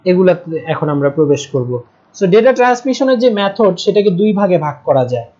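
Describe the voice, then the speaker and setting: High-pitched and sing-song with a dark tone, this young Bangladeshi-accented man moves at a quick pace through a live online lesson, heard on dull audio. He's patient, stressing spelling and pronunciation, repeating terms, and frequently asking "ঠিক আছে?"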